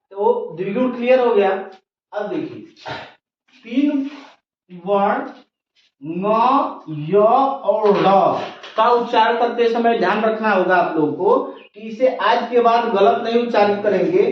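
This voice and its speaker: A man teaching Hindi pronunciation as a classroom lecture, patiently repeating sounds and asking questions he then answers himself. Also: sits high. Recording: echoey room, distant lo-fi mic.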